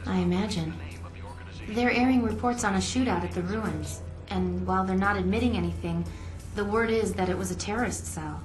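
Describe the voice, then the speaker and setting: In a video game cutscene, a woman voices a spy's concerned, inquisitive ally, speaking earnestly and asking questions. Her natural voice is medium-pitched with a darkish tone at a normal speed, and the sound is roomy with music behind it.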